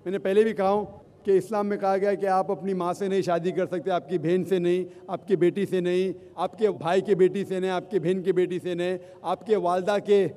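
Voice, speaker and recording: A man's voice: sits high, flat delivery, normal speed, warm tone. Man explaining in a reverberant hall. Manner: explains step by step, counting points, mixing English phrases. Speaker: Islamic speaker answering audience questions. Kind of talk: public question-and-answer lecture.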